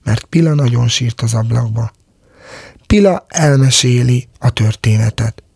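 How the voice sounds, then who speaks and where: A man's voice: mid-range voice, vocal fry, darkish tone, husky, dry recording, studio quality. A man narrating a folk tale as a storyteller, sometimes dropping into a whisper.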